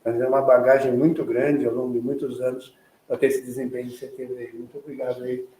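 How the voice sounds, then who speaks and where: Brief: Brazilian male moderator, very dark monotone, wandering asides, roomy echo. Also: medium pitch, fast talker, slight background noise. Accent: Brazilian Portuguese. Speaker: meeting moderator, nephrologist. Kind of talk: moderating a clinical meeting. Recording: echoey meeting room.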